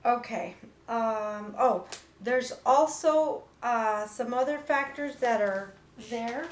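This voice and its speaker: Woman, lecturer, unhurried, lots of ums and uhs, roomy echo, faint background hum. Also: a little high. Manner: slow, halting explanation with many fillers. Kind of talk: recorded classroom lecture.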